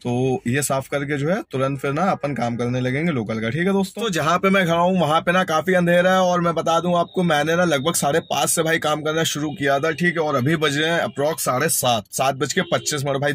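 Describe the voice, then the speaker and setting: A chatty young man talks straight to his viewers in a relaxed vlog. He drives for a ride-hailing service, and his voice sits a little high for a man. He keeps calling his audience friends and brothers. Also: brisk, hardly any pauses. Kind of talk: casual vlog talk to camera.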